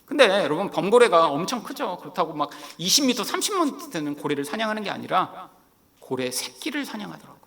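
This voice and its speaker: A middle-aged Korean man preaching a sermon, telling a personal story in an animated way and acting out the lines he quotes. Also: sits high, fast talker, vocal fry. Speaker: pastor.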